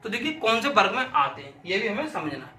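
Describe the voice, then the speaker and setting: A man's voice: high voice, very animated, fast, pushed and bright, slight background noise. A male teacher giving a lesson, repeating syllables aloud to demonstrate them and asking and answering his own questions. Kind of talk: classroom lesson. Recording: echoey room, voice from a distance.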